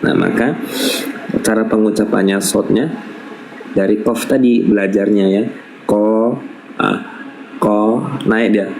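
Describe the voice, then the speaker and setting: A man with a fairly low voice leads a recitation class at an unhurried pace, drawing out each syllable. He corrects mistakes patiently and repeats sounds again and again. A faint hum of the room sits behind him. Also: fairly even intonation, a little mellow, poor audio. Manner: patient, repeats syllables slowly as models to imitate. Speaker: Quran recitation teacher. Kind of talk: live tajwid lesson.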